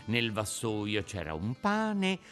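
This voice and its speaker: A man reading a storybook as narrator, in an expressive, dramatic way. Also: lowish voice, slow, faint music behind.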